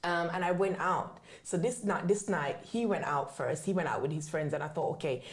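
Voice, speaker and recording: Born in the UK and raised in Jamaica, this woman speaks at normal speed in a deep voice. She's an interview guest, an author and book writing mentor, talking candidly in a conversational storytelling style.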